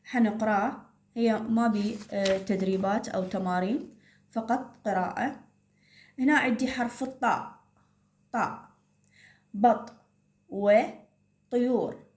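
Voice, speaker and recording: A woman teaching a first-grade reading lesson, reading words aloud slowly and spelling them out for children. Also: medium pitch, steady tone, a little mellow. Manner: slow, syllable-by-syllable reading aloud. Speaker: primary school teacher. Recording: echoey room.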